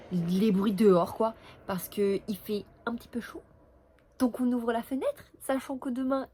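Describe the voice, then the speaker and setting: Young woman, casual vlogger, chatty and playful with hushed asides, built-in mic, faint street noise behind. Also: mid-range voice. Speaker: cosplayer vlogger. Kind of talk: casual unboxing vlog. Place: home room with open window. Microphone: built-in camera mic. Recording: faint outdoor noise through window. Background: faint street noise and crinkling packaging.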